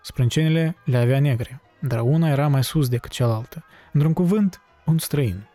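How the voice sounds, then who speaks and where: A man narrating a novel aloud in a measured, expressive reading. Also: mid-range voice, faint music behind.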